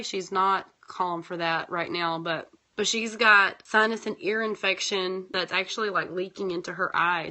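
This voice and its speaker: A pharmacist in her thirties hosting her podcast with a raspy voice from a sore throat, talking casually with lots of filler words. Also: medium pitch, pushed and bright. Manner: rambling, many fillers, talks through frustrations. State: hoarse from a sore throat and sinus infection. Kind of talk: casual monologue.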